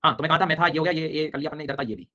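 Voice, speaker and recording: A man gives an online exam-prep lecture, energetic and coaxing as he drills names over and over. His voice is bright and slightly high, and he talks very fast. The audio is dull and lo-fi. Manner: energetic, coaxing students with repeated memory drills. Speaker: teacher.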